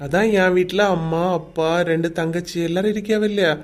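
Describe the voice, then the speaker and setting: A woman's voice: on the low side, fairly even intonation, a little fast, natural voice. A woman with a Kanyakumari Tamil accent voicing a teasing young husband in a cartoon story. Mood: explaining. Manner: teasing, dismissive.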